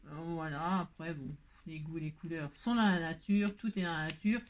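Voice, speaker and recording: A woman's voice: low voice, steady tone, moderate pace. Woman host, chatty self-mocking crafter talking viewers through a card tutorial. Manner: chatty, self-mocking, laughs often, many fillers. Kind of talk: casual crafting tutorial chat.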